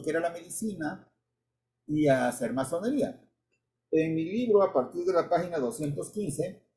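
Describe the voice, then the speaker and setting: A man giving a narrated slideshow lecture, measured and explanatory, with pauses and restarts. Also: a little high, noisy background. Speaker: history author and lecturer. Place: indoor room, webcam inset.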